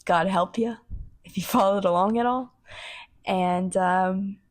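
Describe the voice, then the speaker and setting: A woman's voice: medium pitch, measured pace. A young woman hosting a solo podcast, talking in a scattered, self-interrupting way, losing her train of thought and swearing casually. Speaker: podcast host. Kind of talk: rambling solo podcast monologue.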